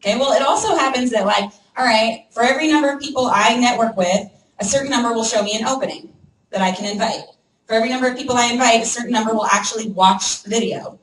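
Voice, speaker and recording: A woman giving a lively training talk to a room of people, checking in constantly with "okay?" and "right?". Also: a little high, fast, slight background noise. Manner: energetic, acts out prospects' voices, frequent "okay?" and "right?". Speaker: network marketing trainer. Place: meeting room with an audience. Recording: echoey room, mic from far off.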